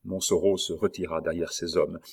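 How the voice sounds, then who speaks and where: Deep-voiced male audiobook narrator. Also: creaky, slightly rough. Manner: steady, measured storytelling. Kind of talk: audiobook reading of a classic novel.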